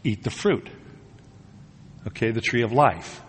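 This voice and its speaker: A man's voice: mid-range voice, animated, unhurried, husky, big-room sound. A man preaching a sermon, talking conversationally and rising to emphatic peaks. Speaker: pastor.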